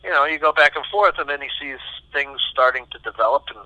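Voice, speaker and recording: A man answers interview questions as an animated storyteller, stopping and restarting as he goes. His voice is bright and forceful with a pointed edge. The recording is dry and close, with no room around it. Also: mid-range voice, fast, dry recording, highs cut off. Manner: animated, acts out quoted voices, many restarts. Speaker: session guitarist, interview guest.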